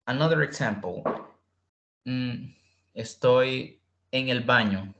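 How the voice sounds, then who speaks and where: A man leads an online English lesson at an unhurried, deliberate pace. He repeats each word several times and keeps asking his students questions. His voice carries a noticeable room echo. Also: mid-range voice, fairly bright tone. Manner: repeats words slowly, quizzes students. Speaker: English tutor.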